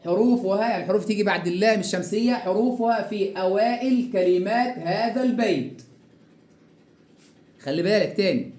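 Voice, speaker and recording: A man with an Egyptian accent and a high voice teaches recitation rules in an echoey room. He poses questions, answers them himself, and stretches each example word slowly. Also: darkish tone. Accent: Egyptian Arabic. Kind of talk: tajweed lesson.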